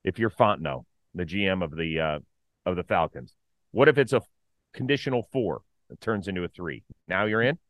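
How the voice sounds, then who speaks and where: A middle-aged man co-hosting casual sports talk, his lowish voice swinging up and down as he rattles off opinions and side remarks. The sound is close and dry, with no room in it. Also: no echo. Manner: animated, opinionated, quick asides. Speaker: podcast co-host.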